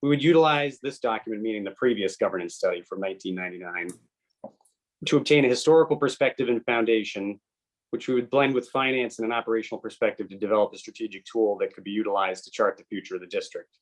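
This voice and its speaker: At a public meeting room, a committee member with a fairly low voice speaks fast, drifting into loose, rambling asides and reading an email aloud.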